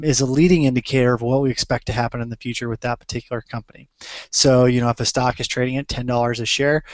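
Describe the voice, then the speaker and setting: A man's voice: medium pitch, dry recording. A man giving conversational, explanatory commentary as an investment advisor on a podcast.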